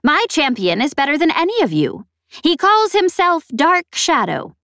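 A woman's voice: high voice, huge pitch swings, measured pace, a bit bright, no room sound, studio quality, pitched above the performer's own voice, exaggerated voice. A woman voicing a snappish, distrustful male pirate boss in an audiobook.

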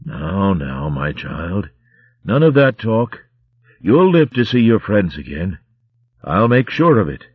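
A man's voice: sits low, very animated, slow, slightly rough, no room sound, narrow, tinny audio, voice pushed up, heavily acted. A man voicing a kindly old male mouse abbot who speaks tenderly in old-fashioned words.

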